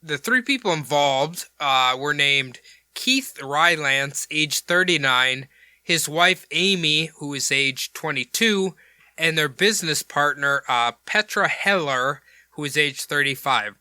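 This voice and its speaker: Bright-voiced joking male podcast host. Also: fairly high pitch, lively intonation, slow, clear, resonant tone, no echo, clean studio sound. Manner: rambling and jokey, with crude asides. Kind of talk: casual podcast chat and case retelling.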